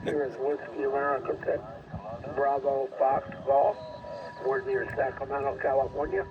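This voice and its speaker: An older man, a ham radio operator, heard over a ham radio receiver, calling slowly and repeating himself. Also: mid-range voice, fairly even intonation. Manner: slow, repetitive call-sign calling. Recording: muffled, distant radio with static.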